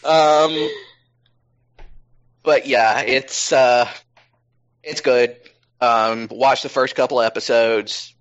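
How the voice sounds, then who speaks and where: A man hosting a casual podcast chat, wandering from point to point with lots of ums and self-corrections. His voice sits at an ordinary middle pitch. The recording sounds a little dull and lo-fi. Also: fairly even intonation, extremely slow, pauses often. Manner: rambling, many ums and restarts.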